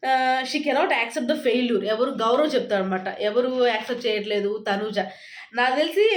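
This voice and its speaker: A woman giving a chatty, casual recap of a reality show, retelling it quickly and full of fillers. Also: fairly high pitch. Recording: roomy echo.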